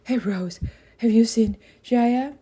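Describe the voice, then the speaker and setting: A woman voicing a mischievous, lively young boy in a storybook reading, eager and excited. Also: fairly high pitch, slow pace, husky, pitched above the performer's own voice.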